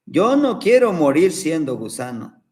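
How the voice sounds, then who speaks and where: Brief: a man playing a storybook caterpillar boy, earnest and pleading, lively slow delivery. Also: on the high side. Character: young brave male caterpillar, dreamy and pleading.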